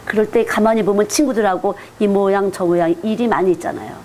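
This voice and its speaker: A woman's voice: medium pitch, fast, a little mellow, slight background noise. A woman who is a children's missionary, giving a teacher-training lecture in an earnest, direct, conversational preaching manner.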